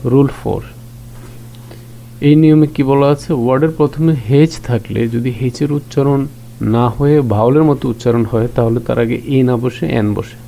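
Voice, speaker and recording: Male teacher, gravelly and dark, explains rules step by step and poses questions he answers himself, faint hum behind. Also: mid-range voice, moderate pace, low-quality recording. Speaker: English teacher. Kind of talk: grammar lesson explained in Bangla.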